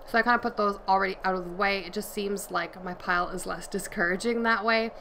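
A woman in her thirties talks through her chores in a relaxed, chatty way, her middle-pitched voice carrying a gravelly edge. She is recorded in a home bedroom by a camera set up across the room, with a faint hiss underneath. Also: fast talker, rough recording. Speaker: vlogger and mother. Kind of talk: casual chat while cleaning. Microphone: camera on a tripod across the room.

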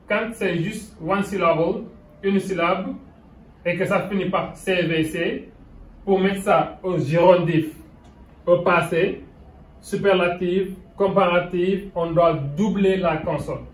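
A Senegalese man with a Senegalese French accent and Wolof as his first language gives a whiteboard grammar lesson, moving between French and English. His voice sits a little high and he speaks slowly and deliberately. He is heard from a distance in a roomy, echoing space. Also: fairly even intonation. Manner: mixes French and English, checks in with "okay?". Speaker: English teacher. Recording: roomy sound from away from the mic.

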